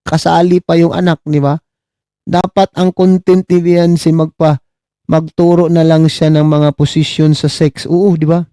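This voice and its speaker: A middle-aged man from the Philippines doing casual live-stream commentary, his voice high-pitched but dark and mellow in tone. He mocks his subjects, keeps asking "di ba?" and gives shout-outs to viewers. The sound is dry and close, with no room echo. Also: flat delivery, a little slow. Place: abroad, talking on a live stream.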